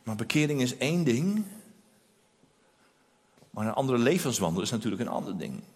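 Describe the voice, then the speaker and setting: A man's voice: medium pitch, sing-song, normal speed, slightly rough. A man preaching a sermon in an earnest, emphatic way, repeating key phrases. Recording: long hall reverb.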